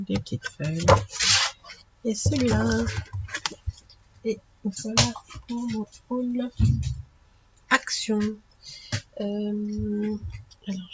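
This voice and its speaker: Slow-talking woman with a gravelly voice. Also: mid-range voice. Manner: unhurried, chatty, many fillers. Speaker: craft channel host. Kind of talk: casual haul video. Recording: lo-fi with audible background noise.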